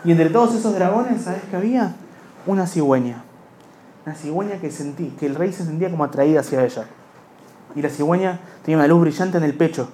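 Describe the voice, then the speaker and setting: Rambling Rioplatense comedian, slightly high voice. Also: male voice, quick pace, warm tone, slight background noise. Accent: Rioplatense Spanish. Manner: rambling, self-mocking, slips into quoted voices. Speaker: stand-up comedian. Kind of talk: stand-up comedy storytelling.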